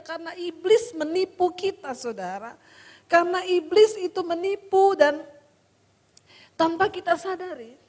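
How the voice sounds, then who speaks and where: A middle-aged woman with a high voice preaches an emotional sermon, dropping to a hush and then rising loud. Her voice carries a long echo, as if she is in a large hall. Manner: emotional, addresses listeners as "saudara", swings from hushed to loud. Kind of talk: sermon with personal testimony.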